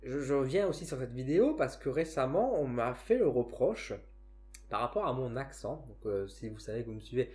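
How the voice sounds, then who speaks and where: A man's voice: mid-range voice, sing-song, fairly quick, darkish tone. A man with a northern French accent, a spiritual vlogger, talks casually to camera in a reflective way, often hesitating and restarting his sentences. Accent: northern French (Ch'ti). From northern France.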